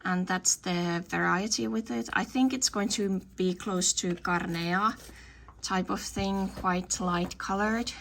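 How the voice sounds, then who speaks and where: A woman talks through her indoor growing space in an easy show-and-tell way. She speaks slowly, with a gravelly edge to her voice. She thinks out loud and stops to correct her own words. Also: lowish voice, fairly even intonation, a little hiss or hum. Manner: tentative, thinking aloud and correcting herself. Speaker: hobby plant grower showing her collection. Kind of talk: casual show-and-tell video tour.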